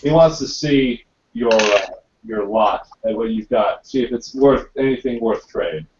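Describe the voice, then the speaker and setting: A man's voice: mid-range voice, measured pace, a little mellow, a little hiss or hum. Hesitant male dungeon master. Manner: hesitant, thinking aloud with many fillers. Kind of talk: narrating a tabletop game. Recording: roomy, distant, dull amateur recording.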